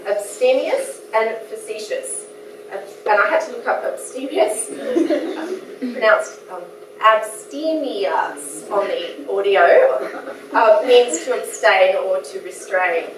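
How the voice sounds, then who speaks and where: A woman's voice: mid-range voice, expressive, slow pace, slight background noise. A woman with an Australian accent, a guest lecturer giving a chatty, self-deprecating academic talk. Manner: chatty, self-deprecating, laughs between points. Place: lecture hall. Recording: echoey hall, mic from a distance.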